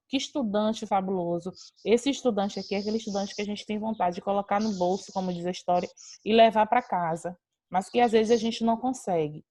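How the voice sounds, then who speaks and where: A woman's voice: medium pitch, dark tone, no echo, clean studio sound. A woman teacher giving an online class, explaining grammar rules step by step. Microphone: video call.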